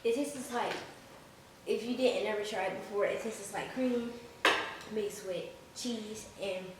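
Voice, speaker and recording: A woman's voice: medium pitch, a little slow. A woman hosting a casual eating video, talking between bites. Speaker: vlogger. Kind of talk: casual mukbang chat. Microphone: camera set back from the table. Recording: echoey room, distant camera, noisy.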